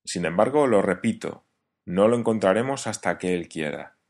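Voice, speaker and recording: A man reading an audiobook, voicing a calm, resolute engineer who speaks measured and firm. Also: low voice.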